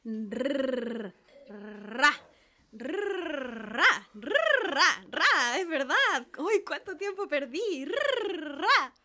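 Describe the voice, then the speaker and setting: A woman playing a naive middle-aged gentleman who gushes with wonder as he repeats his lessons, in a dramatic reading. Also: high voice, big pitch swings, moderate pace, slight background noise. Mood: awed, eager. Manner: gushing, repeats sounds with wonder. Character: naive middle-aged male social climber, eager. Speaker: reader playing a pupil.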